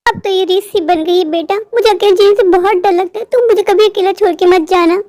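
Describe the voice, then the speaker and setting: A fussing, affectionate mother bird, voiced by a woman in a cartoon, doting on her son and fearful of loneliness. Her voice is very high. The recording is dry and close. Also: fairly quick, a little mellow, no room sound. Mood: worried. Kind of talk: cartoon voice acting.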